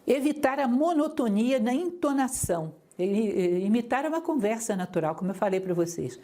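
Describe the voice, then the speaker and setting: Woman, lecturer, mellow warm voice, didactic, lively intonation, talks to the class. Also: fairly high pitch, normal speed. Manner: didactic, lively intonation, addresses listeners directly. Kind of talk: lecture on public speaking.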